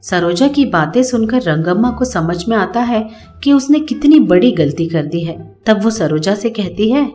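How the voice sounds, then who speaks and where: A woman narrating a cartoon story from a script, in a plain, even storytelling way. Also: mid-range voice, measured pace, faint music behind.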